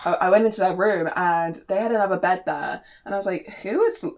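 Casting: young woman, lower voice, hesitant chatty storyteller. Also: steady tone, fast talker, darkish tone. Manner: hesitant storyteller, many ums. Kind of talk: casual chat.

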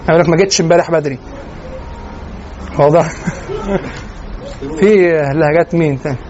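A man's voice: on the high side, fairly quick, crowd noise. A man with an Egyptian accent giving a classroom lecture, moving between colloquial and formal Arabic and checking in with his students as he explains. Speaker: lecturer in Quranic sciences. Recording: dull lo-fi room recording with faint noise.

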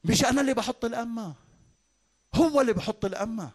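A man preaching a sermon from a church pulpit in Levantine Arabic, animated and fervent as he talks to his congregation. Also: very high-pitched, fast talker. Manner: animated, fervent, addresses the flock warmly. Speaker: pastor.

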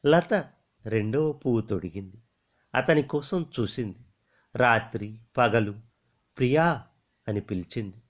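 A man narrates a poetic fable in measured, rhythmic phrases. His voice sits low and moves very slowly and solemnly. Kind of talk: scripted narration of a poetic story.

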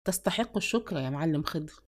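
A woman's voice: sits low, lively intonation, quick pace, pitched below the performer's own voice. A woman voicing a weary shopkeeping mother in a read-aloud story, sorrowful but firm. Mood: subdued.

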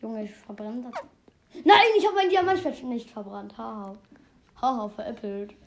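A woman chatting excitedly while playing a video game, exclaiming often and rambling between facts. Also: on the high side, moderate pace. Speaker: game player. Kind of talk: casual gameplay commentary.

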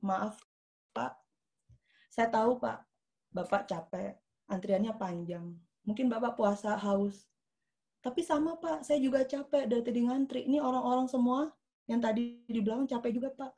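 A woman puts on a polite but firm woman addressing someone who cut in line. The voice stays calm, courteous and steady, spoken a little softly, without anger. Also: a little high, normal speed, long pauses, voice pushed up, close to an everyday voice.

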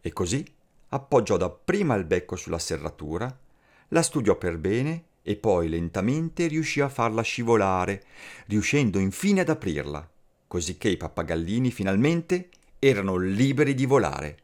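Male storyteller, fairy tale narration, low voice, lively expressive reading. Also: normal speed.

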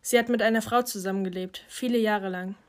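A woman reading as a calm, composed mother. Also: mid-range voice, fairly quick, lightly acted.

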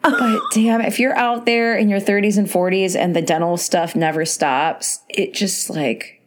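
A woman's voice: mid-range voice, steady tone, a little slow. A woman in her forties co-hosting a podcast, chatting candidly and animatedly with plenty of swearing. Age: 40s. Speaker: podcast co-host. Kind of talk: casual chat.

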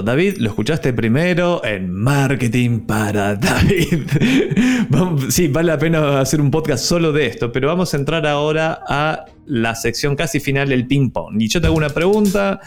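A man with a Rioplatense accent hosting a podcast, asking playful, rapid-fire questions. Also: medium pitch, expressive. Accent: Rioplatense Spanish. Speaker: podcast host. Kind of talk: casual interview chat.

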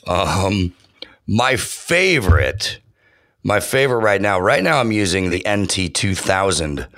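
A voiceover artist and audio engineer talks shop with enthusiasm in a casual podcast interview, his voice extremely low. He stumbles through fillers and restarts as he goes. The recording is dry, close and a bit bright, with no room sound or echo.

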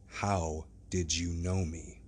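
A man voicing a cold, furtive, sinister stranger in a storybook reading, speaking low and clipped. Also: level tone, slow, slight background noise.

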